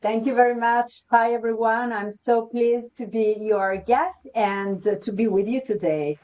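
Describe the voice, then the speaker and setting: A woman's voice: on the high side, a little slow, a little mellow, rough recording. Woman, hesitant speech. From Italy. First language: Italian. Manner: hesitant, restarts words while explaining. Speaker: podcast guest, leadership consultant. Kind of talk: casual interview chat.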